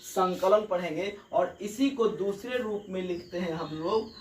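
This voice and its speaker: A man with a high, unhurried voice teaches a whiteboard grammar lesson, repeating each rule and asking check questions. He sounds set back from the mic in an echoey room, with birds audible outside. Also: darkish tone, recorded from a distance, slight background noise. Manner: repeats points and asks the students rhetorical check questions.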